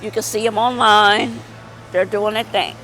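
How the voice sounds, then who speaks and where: Middle-aged woman, unhurried rambling vlog talk, faint traffic behind. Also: medium pitch, steady tone, a bit bright, rough recording. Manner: rambling, many fillers and repeats. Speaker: vlogger. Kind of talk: casual vlog monologue.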